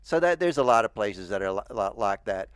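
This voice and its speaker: A man's voice: lowish voice, animated, fairly quick, smooth, dry recording, clean studio sound. An American man chatting casually as a show host, rambling and stammering through restarts. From United States. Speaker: podcast host. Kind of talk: casual chat.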